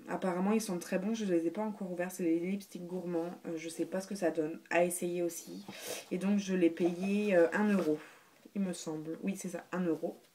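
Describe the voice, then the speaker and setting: A woman's voice: on the low side, darkish tone. A woman chatting casually through a beauty haul video, hesitant, with many fillers and restarts. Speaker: beauty vlogger.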